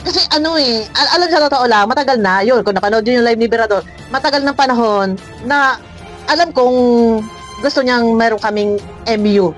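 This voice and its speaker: A woman's voice: on the high side, a little fast, soft background music. A woman vlogger giving mocking, scolding reaction commentary, laughing often as she talks.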